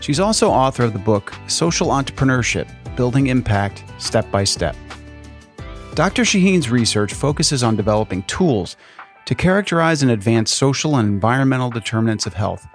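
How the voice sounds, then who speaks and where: A man's voice: medium pitch, lively intonation, moderate pace, soft background music. A man hosting a podcast, reading a scripted introduction and then asking friendly, conversational questions. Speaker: podcast host. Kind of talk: podcast interview.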